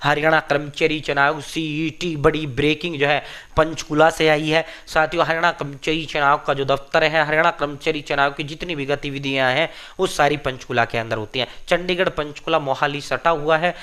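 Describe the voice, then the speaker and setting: Man, coaching channel host, fairly high voice, emphatic, repetitive, exam news and sales pitch. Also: fairly even intonation, brisk, pushed and bright, clear, resonant tone. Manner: emphatic, repetitive, addresses viewers as brothers.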